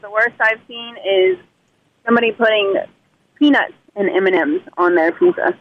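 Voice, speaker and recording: A woman's voice: medium pitch, lively intonation, normal speed. Woman caller on a muffled phone line. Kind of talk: phone call to radio show. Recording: dull phone-line audio.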